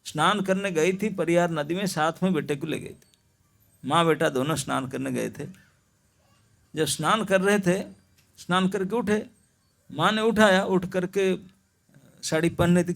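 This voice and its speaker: A male monk gives a sermon as a lively story, stopping to put questions to his audience. His voice sits somewhat high for a man. He tells it loosely, with the manner of a spoken lecture rather than a script. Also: gravelly. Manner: animated, asks the audience questions. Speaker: monk preacher.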